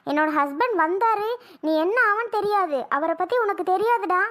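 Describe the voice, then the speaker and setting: A woman's voice: animated, fairly quick, fairly bright tone. A woman voicing an injured young wife in a cartoon, who is furious and scolds sharply. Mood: angry. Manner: shrill, scolding, exasperated. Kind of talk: cartoon voice acting.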